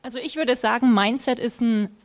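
A woman in the seminar audience answers a question from the speaker, her voice a little higher than most. She explains her view in a measured, thoughtful way from among the participants. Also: steady tone.

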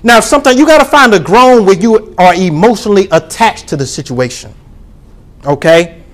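A pastor preaching a sermon to his congregation, calling for responses and rising to shouts. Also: high-pitched, animated, moderate pace.

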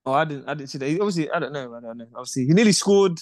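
A young man rattles through a casual football chat at speed, his voice sitting slightly high. He repeats himself and keeps tossing in "bruv" and "bro". The recording is dry and close, with no room sound. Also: animated, racing, no echo. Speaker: podcast co-host.

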